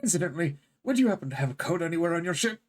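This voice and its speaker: A man's voice: fairly high pitch, expressive, very fast. A man playing a tabletop game, speaking in character in a wordy, politely wry way. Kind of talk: casual in-character game chat.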